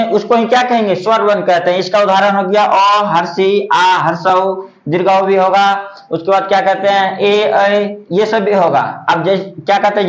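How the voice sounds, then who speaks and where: A man teaching grammar, explaining step by step, drawing out letter sounds slowly and asking himself rhetorical questions. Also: high voice. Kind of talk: classroom-style explanation. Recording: echoey room, dull lo-fi audio.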